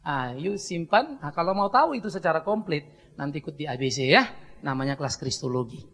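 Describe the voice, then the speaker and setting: A middle-aged man preaching a sermon as pastor, blunt and joking, swinging between soft asides and loud scolding. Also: on the high side, very animated, brisk.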